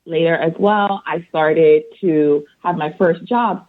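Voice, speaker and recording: A woman from Barbados calls in as an interview guest and explains things calmly, sometimes restarting a thought. Her voice comes through a tinny phone line. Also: low-pitched. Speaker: guest, accountant and author. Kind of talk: interview answers.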